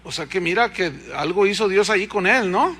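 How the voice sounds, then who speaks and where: Bright-voiced Mexican preacher. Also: male voice, high voice, brisk, slightly rough. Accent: Mexican Spanish. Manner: animated storytelling, reads scripture aloud, asks the congregation questions. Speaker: pastor. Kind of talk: sermon.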